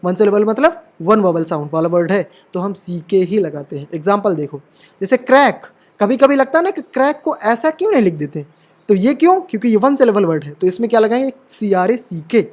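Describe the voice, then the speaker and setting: A man with a high voice, from India, teaches English spelling in an online lesson. He works through the rules step by step and repeats examples again and again. He keeps checking with the students and asks them questions as he goes. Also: lively intonation, a little fast, darkish tone. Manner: explains step by step with many rhetorical questions and constant "okay?" check-ins; repeats words and examples over and over.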